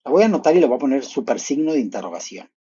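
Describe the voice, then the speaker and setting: Talking very fast, a man with a breathy, slightly husky voice reacts live on a stream, musing aloud in a gossipy, playful way. Every so often he bursts into sudden high-pitched excitement. The sound is lo-fi and slightly dull.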